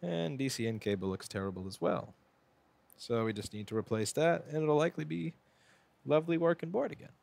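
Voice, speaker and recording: A man's voice: fairly high pitch, animated, fairly quick, vocal fry, darkish tone. A man who owns a repair shop, chatting casually to a live stream while he works on a board. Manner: casual, chatty, talks to chat while working.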